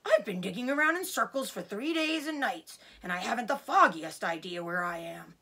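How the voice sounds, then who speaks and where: Woman as male badger, storybook character, desperate, excitable, bright husky voice, swooping pitch. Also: normal speed, heavily acted. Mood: agitated, alarmed.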